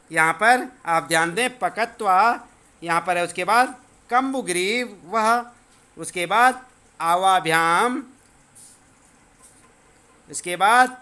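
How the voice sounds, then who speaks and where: A male teacher explaining a school lesson to children, patiently repeating words slowly so they learn the pronunciation. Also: high voice, bright, forceful tone.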